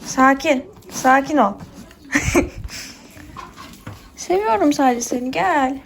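A woman's voice: high-pitched, slow, gravelly, a little hiss or hum. A Turkish-accented woman on a farm vlog, coaxing and soothing a calf and hens outdoors, laughing often. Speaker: farm vlogger. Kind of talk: casual farm vlog, talking to animals. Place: outdoors in a farmyard garden.

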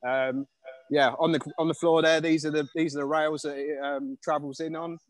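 A man gives a relaxed guided walkthrough, talking through a phone as he moves around. His speech is loose and casual, full of ums and "obviously.". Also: fairly high pitch, normal speed, no room sound. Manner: casual, many fillers. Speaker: stadium grounds manager.

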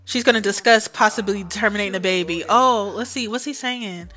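A young woman casually commenting on her life-sim game, reacting loudly with slangy asides and putting words in the sims' mouths. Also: medium pitch, brisk. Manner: animated, reacts loudly, slangy asides, voices sims in quotes. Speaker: gaming channel host. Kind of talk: casual let's-play commentary.

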